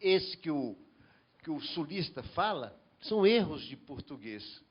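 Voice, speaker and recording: A Northeastern Brazilian man on a panel speaks unhurriedly in a slightly high, husky voice with big swings in pitch. He comments at length, often restarting his sentences, and the highs in the audio are cut off.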